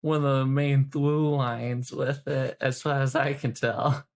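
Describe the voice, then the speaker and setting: At a measured pace, a woman with an extremely low, level, slightly mellow voice plays her tabletop role-playing character. The improvised chat is casual, and her speech is slangy, flippant and halting.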